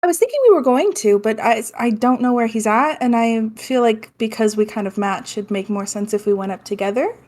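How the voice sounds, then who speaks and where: A woman's voice: on the high side, brisk, hardly any pauses, darkish tone. A woman playing a tabletop game in character, talking in an uncertain, rambling way. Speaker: player.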